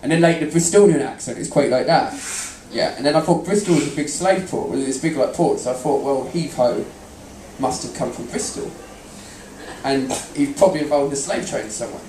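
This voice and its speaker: A man's voice: mid-range voice, fairly quick, darkish tone, a little hiss or hum. A young man doing live stand-up storytelling, chatting and bantering with the audience. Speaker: stand-up comedian. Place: comedy venue in front of an audience. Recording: roomy live venue, distant mic.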